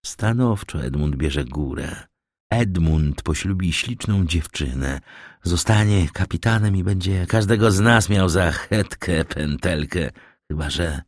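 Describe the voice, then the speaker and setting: A man voicing a scheming, envious man who talks in a low, sardonic mutter. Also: expressive, a little slow, dry recording, clean studio sound.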